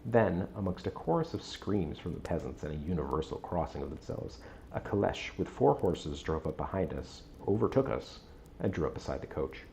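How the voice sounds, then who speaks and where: A man reading a gothic novel aloud with a measured, dramatic storytelling delivery. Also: low voice, lively intonation, creaky, a little mellow, slight background noise. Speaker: audiobook-style reader on a stream.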